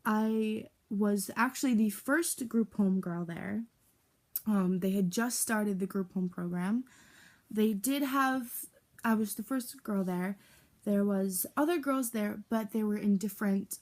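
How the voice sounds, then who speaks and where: A young woman of about eighteen, from the United States, speaks in a mellow, softly dark voice as she talks through her life story at home. She is candid and halting, full of "um" and "like", stopping and restarting as she goes. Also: medium pitch. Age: young adult. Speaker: vlogger. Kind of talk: personal life story vlog.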